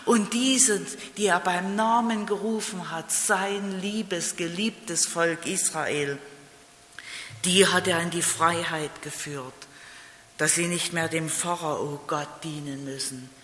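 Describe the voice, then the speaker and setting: A preacher delivers a sermon slowly and deliberately, hammering home key phrases and throwing in rhetorical questions. The voice is bright and sharp-edged. It rings through a large, roomy hall with a long reverb tail. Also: mid-range voice, fairly even intonation, a little hiss or hum.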